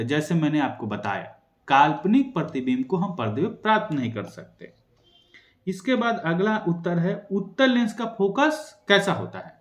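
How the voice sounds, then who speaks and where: A young male tutor runs through exam questions at a quick clip, posing each one and answering it himself. His fairly high voice rises and falls a lot, and it rings in a roomy, echoey space. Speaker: teacher. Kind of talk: exam-prep science lesson.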